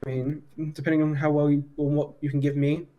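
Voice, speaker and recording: In a roleplay, a man improvises a formal interview as a police detective, measured but stumbling and correcting himself. His voice is on the high side with a flat delivery, and the recording sounds muffled.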